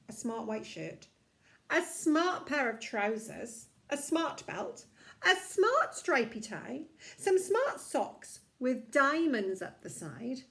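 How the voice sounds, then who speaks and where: A woman's voice: on the high side, creaky. A woman hosting a children's storytime like a kids show host, reading and chatting to children in a sing-song, encouraging way.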